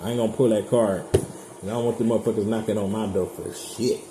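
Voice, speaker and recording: A man's voice: lowish voice, fairly even intonation, quick pace. A man giving a casual tarot reading straight to his viewers, chatty, blunt and profane. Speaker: tarot reader. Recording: echoey room with background noise.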